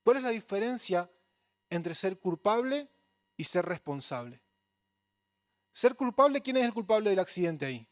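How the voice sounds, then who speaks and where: A man's voice: sits high, sing-song, moderate pace, long pauses, no echo, studio quality. A man preaching a sermon in a Rioplatense accent, earnest and conversational. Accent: Rioplatense Spanish. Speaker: pastor.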